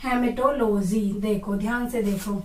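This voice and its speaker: A woman teacher giving an exam-prep lesson, asking questions and repeating each term slowly so students say it with her. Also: mid-range voice, fairly even intonation, darkish tone, slight background noise. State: dry throat. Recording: echoey room, far from mic.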